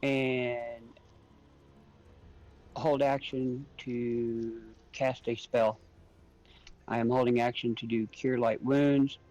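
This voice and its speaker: A man's voice: medium pitch, darkish tone, poor audio. A man playing a tabletop roleplaying game, casually talking through rules and his moves. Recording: faint music behind the voice.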